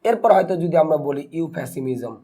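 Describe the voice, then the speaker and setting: A man with a fairly high but mellow voice teaches a grammar lesson. He keeps asking questions and answering them himself, and he stretches out example words slowly. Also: animated, breathy edge. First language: Bengali. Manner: slow deliberate spelling and pronouncing of words. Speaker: English teacher.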